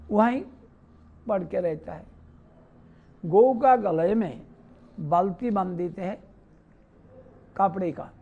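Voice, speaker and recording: A man's voice: sits high, a little mellow, muffled recording. A man giving a devotional discourse, telling scripture stories and asking questions he then answers himself. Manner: poses rhetorical questions and answers them himself. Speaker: spiritual teacher giving a discourse.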